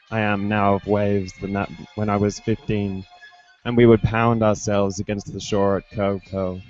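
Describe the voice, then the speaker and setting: Speaking into a close-held handheld mic, this young adult male gives a festival reading of experimental fiction in a medium, slightly mellow voice. The indoor room is carried on a live online stream whose audio is dull and lo-fi, with music prominent in the background.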